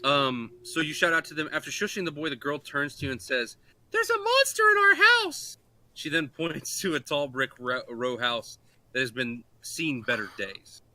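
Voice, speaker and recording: Young male game master, bright and forward voice, stop-start narration. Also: mid-range voice. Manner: halting, many restarts while describing scenes. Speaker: dungeon master. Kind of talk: narrating a tabletop game over a call.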